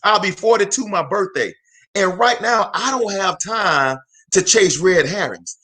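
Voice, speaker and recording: A motivational speaker and host in his forties gives a passionate live talk, his cadence like a preacher's, with repeated phrases for emphasis and direct calls to viewers. He has a high, animated voice with a sharp tone and a slightly slow delivery.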